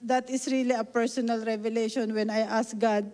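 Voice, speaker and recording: A woman's voice: fairly high pitch, little pitch movement, moderate pace, dark tone. A middle-aged woman from the Philippines preaching a sermon, earnest and emotional, mixing Tagalog and English and often asking "no?". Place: church hall. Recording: long church hall reverb.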